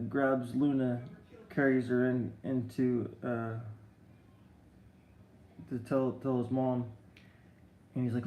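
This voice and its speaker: A man's voice: medium pitch, darkish tone, reverberant, low-quality recording. A middle-aged man on a live stream, telling long rambling stories with many restarts and answering viewer comments. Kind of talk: casual live-stream chat.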